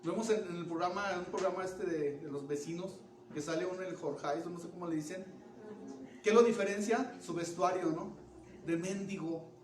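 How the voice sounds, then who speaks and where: A man preaching a sermon in an animated way, asking the congregation questions and restarting words. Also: high voice, normal speed, slight background noise. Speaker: pastor. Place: church. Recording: echoey church room from far off.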